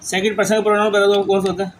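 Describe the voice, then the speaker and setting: A man teaching English grammar, dictating rules slowly word by word as he writes them out. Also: sits high, level tone, a little hiss or hum, rough recording. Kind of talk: lecture explaining grammar rules.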